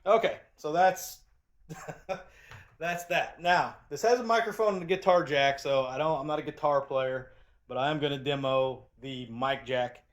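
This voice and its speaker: A man's voice: on the high side, a little slow. A man giving a casual, rambling product review as the channel's host, often restarting his sentences. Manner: chatty and rambling, with frequent restarts.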